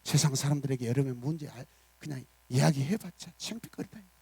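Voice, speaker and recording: A man preaching a sermon as pastor, swinging from loud emphatic declarations to soft asides and acting out short dialogues. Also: mid-range voice, quick pace, gravelly, slightly rough. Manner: acts out little dialogues in character voices.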